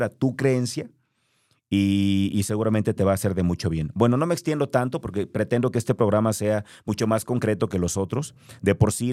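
A man's voice: fairly low pitch, mellow, no room sound, clean studio sound. A man hosting a podcast, speaking earnestly and directly to the listener in a reflective motivational monologue. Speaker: podcast host.

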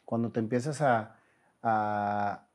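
A man's voice: on the low side, fairly even intonation, slow. A man interviewing a guest in a casual chat, asking curious, short follow-up questions.

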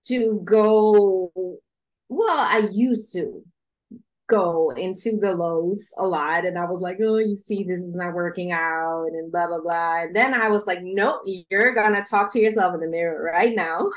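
A woman's voice: on the low side, measured pace. Upbeat Dutch-accented woman guest. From Netherlands. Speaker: guest, singer and songwriter. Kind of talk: casual interview chat.

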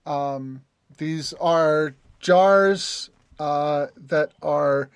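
High-voiced man running a tabletop game. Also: very slow, clear, resonant tone, dry recording, studio quality. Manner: hesitant, many fillers and restarts. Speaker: game master.

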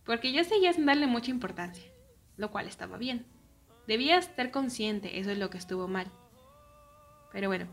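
A young woman with a Mexican accent telling a personal story in a casual way, often dropping into soft, near-whispered asides. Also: fairly high pitch, gravelly.

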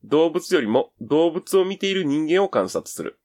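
A man's voice: on the high side, big pitch swings, normal speed, darkish tone. A man with a Kansai accent co-hosting a comedic radio talk show, easygoing and often laughing. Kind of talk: casual comedic radio chat.

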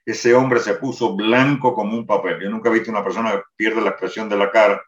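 A man's voice: on the low side, fairly even intonation, fast. An older man giving a detailed first-person account in an interview, with frequent restarts. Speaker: interviewee recounting a wartime memory. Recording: roomy, distant, dull sound.

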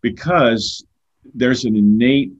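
Here an older man, a guest on a podcast, talks earnestly and conversationally, tending to repeat words as each thought gets going. He speaks slowly in a loud, medium-pitched voice, captured with dull lo-fi audio.

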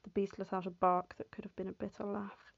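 A woman giving a scripted first-person audiobook narration with a steady, even reading. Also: medium pitch, a little fast, vocal fry, dry recording. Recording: dull lo-fi, dry.

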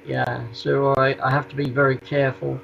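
A man's voice: medium pitch, completely flat delivery, normal speed, gravelly. A man with a Norfolk accent, giving a casual interview as a podcast guest over a remote call. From Norfolk, England. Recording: dull, noisy remote call line.

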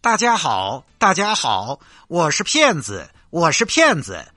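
A man voicing a mocking recorded chant of a self-confessed cheat, slow and sing-song. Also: on the high side, wildly swooping pitch, pushed and bright, dry recording, clean studio sound, pitched below the performer's own voice, full character voice.

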